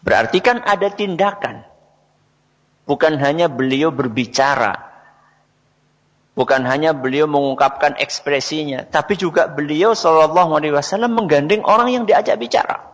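A man's voice: fairly high pitch, normal speed, big-room sound. A man giving a religious talk on parenting to an audience, asking questions and answering them himself. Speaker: religious speaker.

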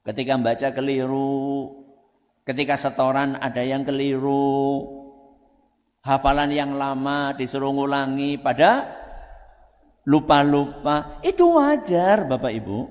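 A man with a Javanese accent, an ustaz giving an animated religious talk to parents, often asking the audience rhetorical questions. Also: medium pitch, unhurried. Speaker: ustaz, Islamic preacher. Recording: reverberant hall.

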